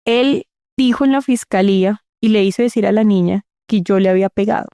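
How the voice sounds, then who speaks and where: A woman's voice: mid-range voice, a little fast, mellow, clean tone, no room sound, studio quality. A woman, telling her own story in an interview, earnest and repeating words for emphasis. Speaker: interview guest. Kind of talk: personal storytelling in conversation.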